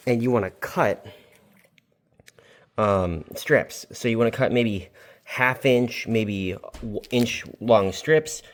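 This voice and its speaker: A man hosting a casual craft tutorial vlog, talking in a rambling, informal way with loose asides, recorded in a basement. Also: fairly low pitch. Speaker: video host. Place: basement room indoors.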